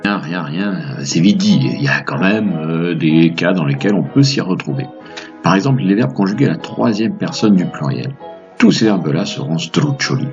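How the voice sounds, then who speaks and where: A man's voice: deep voice, animated, moderate pace, a little mellow, highs cut off, soft background music. A man hosting a language lesson, explaining grammar to viewers in an upbeat, patient way with playful asides. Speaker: language teacher, host.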